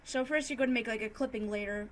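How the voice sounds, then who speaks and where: A woman narrating an improvised tutorial in a casual, subdued and somewhat monotone way. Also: fairly high pitch, fast, slight background noise. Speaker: tutorial host, digital artist.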